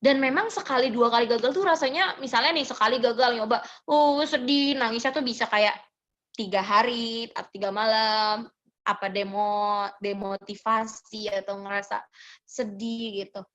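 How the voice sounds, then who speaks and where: A young woman giving gentle, reassuring advice in a motivational sharing session, answering audience questions and mixing in English phrases. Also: a little high, fairly even intonation, moderate pace, dull audio.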